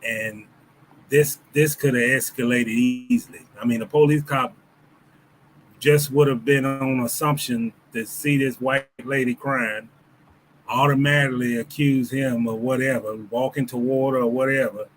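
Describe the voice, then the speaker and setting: A man from the United States, a former sports reporter, talking as a podcast guest in a halting, reflective way. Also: medium pitch, steady tone, slight background noise, poor audio. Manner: halting, reflective, many restarts and fillers. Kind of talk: casual podcast conversation.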